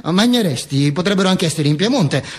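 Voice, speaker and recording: High, husky and fast, with lively intonation, a man's voice tells the story of a dead man: Mussolini's corpse narrating its own misadventures with ironic wit. The performer, a stage actor and monologist, gives this comic theatrical monologue mock-serious emphasis, with repetitions and asides.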